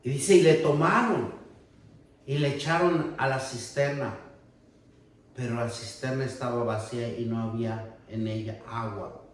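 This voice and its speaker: A male preacher delivers an emphatic sermon with a Bible reading in a church hall, speaking slowly and deliberately and rising into raised, emphatic passages. A distant mic picks him up in the booming, echoey space.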